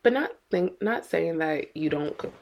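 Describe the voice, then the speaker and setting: A woman's voice: low-pitched, expressive, normal speed, creaky, darkish tone. A middle-aged woman co-hosting a podcast as a mother, talking earnestly and with worry, often repeating her words. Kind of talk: casual podcast chat.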